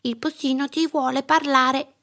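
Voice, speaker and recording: A woman voicing a cheerful, playful little girl in a storybook reading, with a high, excitable manner. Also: a little slow. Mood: excited.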